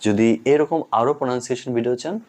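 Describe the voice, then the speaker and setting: A man's voice: medium pitch, fast talker, a little mellow. A Bengali-speaking man teaching English pronunciation in a lesson, patiently saying each word twice. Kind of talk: spoken language lesson.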